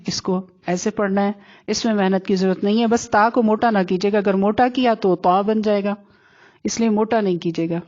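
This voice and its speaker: A woman teaching Quran recitation rules who explains patiently, checks that her students follow, and slowly chants the example words. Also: mid-range voice, muffled recording.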